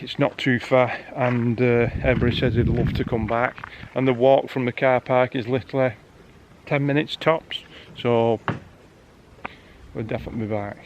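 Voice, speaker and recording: A man's voice: medium pitch, a little mellow, muffled recording, slight background noise. A man hosting, giving a chatty, upbeat sign-off outdoors after rain. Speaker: host. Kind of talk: casual video sign-off.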